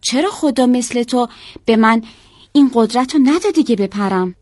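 Name: lizard. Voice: woman doing a whiny small lizard, high and lively. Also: no room sound, studio quality. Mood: sulky. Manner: whiny, pleading cries. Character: small green lizard, unhappy with itself.

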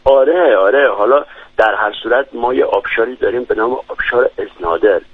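A man's voice: mid-range voice, husky, dry recording. Eager man. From Lorestan, Iran. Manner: enthusiastic, descriptive, many hesitations. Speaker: guest from a village. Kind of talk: radio interview. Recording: dry, dull lo-fi radio sound.

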